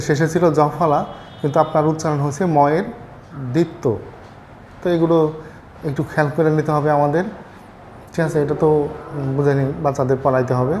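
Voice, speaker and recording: A man teaching a pronunciation lesson to fellow teachers, patient and methodical, often stopping to check that listeners follow. His voice sits a little high for a man. Faint background noise runs under the recording. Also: darkish tone. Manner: patient, explanatory, repeats "ঠিক আছে?" to check understanding; fillers and self-corrections. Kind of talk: spoken lesson on Bangla pronunciation.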